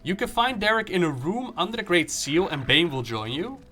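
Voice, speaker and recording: A man's voice: high voice, big pitch swings, normal speed, bright, forceful tone, faint music behind. A man streaming a game, commenting live, joking, recapping the story and acting out dialogue as he reads.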